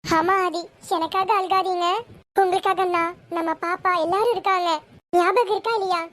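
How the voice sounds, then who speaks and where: A woman's voice: very high-pitched, fairly even intonation, moderate pace, a bit bright. A woman voicing a devoted young wife who soothes her husband, in a fan-made serial drama. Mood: soothing.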